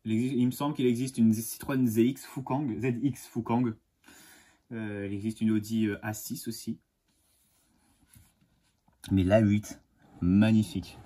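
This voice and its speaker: A man hosting a casual unboxing vlog as a model car collector, enthusiastic and halting, with many fillers and restarts. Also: on the low side, a little mellow. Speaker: die-cast model car collector and channel host.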